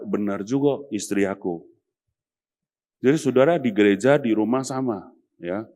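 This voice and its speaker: A man's voice: mid-range voice, a little mellow. A man preaching as pastor in a chatty, humorous way, sometimes acting out the people he quotes. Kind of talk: sermon.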